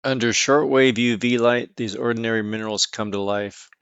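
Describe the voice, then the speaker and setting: A man hosts an informal educational video as a mineral hobbyist educator, talking in a folksy, conversational way and calling items "this guy." His medium-pitched voice is steady, fairly bright and clean at normal speed, with no echo but the highs cut off.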